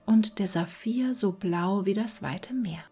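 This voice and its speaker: A woman voicing a kind-hearted little male swallow in a whispered role-play, soft and pleading. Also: medium pitch, slow pace, slightly rough, faint music behind. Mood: tender.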